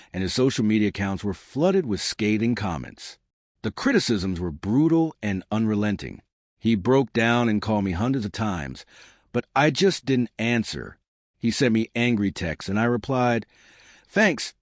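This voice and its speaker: A man narrating a first-person story in a brisk, wry way. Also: on the low side, no echo, clean studio sound.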